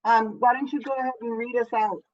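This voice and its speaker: A woman's voice: on the high side, fairly even intonation, quick pace, no echo. Woman, moderator, video call, dull dry audio. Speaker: forum moderator. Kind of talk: casual Zoom moderation.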